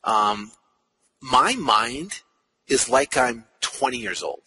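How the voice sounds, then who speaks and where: A man in his forties hosts a podcast from his car, rambling through a casual monologue full of fillers and restarts. His medium-pitched voice is expressive, slow, pushed and bright, and the poor audio carries slight background noise.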